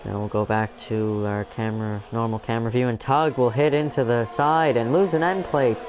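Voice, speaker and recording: A young man calls a sim-racing league race live, wandering through his sentences and filling gaps with frequent "uh"s and restarts. His pitch sits at an ordinary male middle, and faint noise hums under the recording. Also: fairly even intonation, normal speed, darkish tone, lo-fi sound. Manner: rambling, filler-heavy, self-correcting. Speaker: race commentator.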